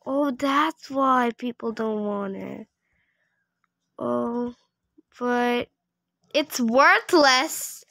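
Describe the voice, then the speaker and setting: A woman's voice: fairly high pitch, fairly even intonation, extremely slow, gravelly, pauses often, a bit bright, no echo, clean studio sound. A young woman talking casually while she plays a video game and records it, pleading and exasperated as she begs other players for trades. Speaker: gaming video creator. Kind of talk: casual gameplay commentary.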